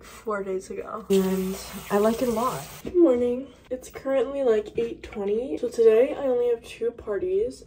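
Young woman, casual vlog chat, chatty girlish delivery, lots of filler "like", medium pitch, faint noise. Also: dark tone, low-quality recording. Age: young adult. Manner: chatty, girlish, heavy use of "like". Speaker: vlogger, college student in sorority recruitment. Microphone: phone at arm's length or propped nearby.

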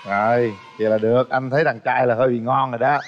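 A man hosting a matchmaking show, teasing the guests with quick probing questions. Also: mid-range voice, flat delivery, lo-fi sound, faint music behind.

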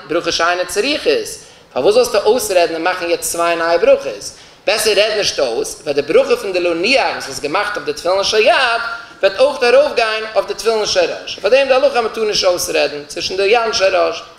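In an echoey, spacious room, a rabbi gives a Torah class on religious law, working through points by posing questions and answering them himself. His voice is high and a bit bright.

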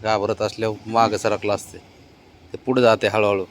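A man's voice: lowish voice, level tone, normal speed, slight background noise. A man talking casually to his pet cat, coaxing it with short repeated calls.

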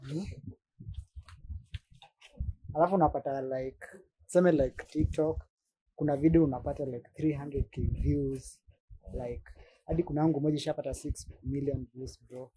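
A content creator and machine seller with a Kenyan accent speaks at a moderate pace with frequent pauses, his mid-range voice mellow, slightly rough, and fairly even in intonation. He chats informally, uses slang, switches between languages, and demonstrates products. The audio quality is poor.

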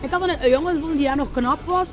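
A woman's voice: high voice, very fast, over loud music. A young woman recapping her day in a cheerful, rambling way. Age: young adult. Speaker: reality show contestant. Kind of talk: interview recap. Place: outdoor ski resort.

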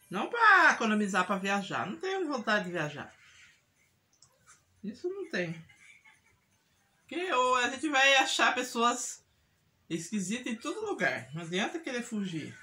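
A middle-aged Brazilian mother vlogging at home talks in a bright, forceful, medium-pitched voice as she does chores. She rambles casually and repetitively, often tagging on a check-in with the listener, from a small indoor room with clear household noise and handling clicks.

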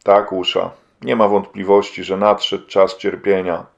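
A faithful preacher husband in a storybook, speaking in a low, steady voice, voiced by a man reading the book. He sounds solemn and resigned. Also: measured pace, gravelly, highs cut off. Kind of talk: audiobook character reading.

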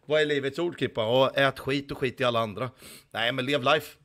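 A hoarse man livestreaming, reading the chat and talking in a crude, boastful, swearing banter. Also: medium pitch, fairly bright tone.

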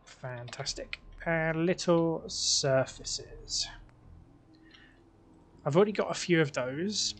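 A young man from the UK chats casually while building in a game, thinking aloud through every small choice. His voice sits a little higher than most men's. He sounds relaxed and unhurried at his desk microphone. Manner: chatty, musing, talks himself through choices. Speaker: let's play host. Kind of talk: casual gameplay commentary.

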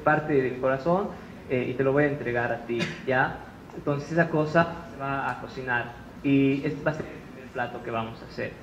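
A man with a Bolivian Spanish accent gives a conference talk as a chef, telling stories in a chatty way and checking in with his listeners again and again. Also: medium pitch. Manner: chatty storytelling, tag questions. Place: conference room. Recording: roomy hall, muffled sound, faint noise.

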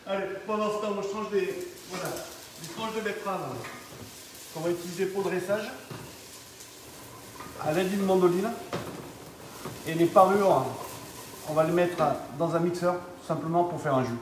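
Guy cooking alongside, kinda high voice, farther from the mic in an echoey kitchen. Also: steady tone, moderate pace, pauses often, recorded from a distance, slight background noise. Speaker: co-host cook. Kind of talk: live cooking demonstration.

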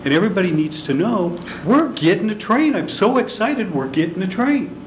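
A man's voice: high voice, animated, normal speed. An older man, an elected director, answering a city council from a podium, earnest and defensive. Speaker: elected transit board director. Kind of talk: presenting at a public council meeting. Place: large council chamber, standing at a podium. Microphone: podium microphone. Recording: noisy council chamber recording.

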